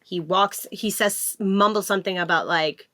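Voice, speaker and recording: A woman discussing a film casually on a podcast, expressive and quick with exclamations. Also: medium pitch, no echo, clean studio sound. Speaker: podcast co-host.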